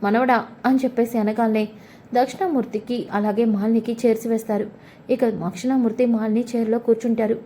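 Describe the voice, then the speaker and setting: Brief: woman narrator, brisk serial recap, fairly high mellow voice. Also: steady tone, a little hiss or hum. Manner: brisk storytelling with quoted dialogue. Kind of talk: retelling a TV serial episode.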